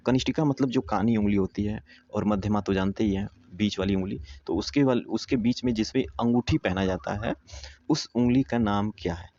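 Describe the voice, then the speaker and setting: A man with a low, mellow voice teaches an exam prep lesson, walking through each answer step by step. He repeats words slowly as he explains. The sound is dull and close.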